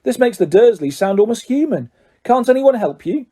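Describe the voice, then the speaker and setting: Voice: mid-range voice, sing-song, normal speed, mellow, husky, pitched above the performer's own voice. A reader voicing a polite, nervous young boy wizard who hesitates and stammers. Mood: worried, hushed.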